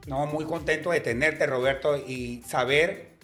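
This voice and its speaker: A man co-hosting a podcast, interviewing a guest in an effusive, drawn-out way. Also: fairly high pitch, fairly even intonation, a bit bright, faint music behind. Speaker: podcast co-host.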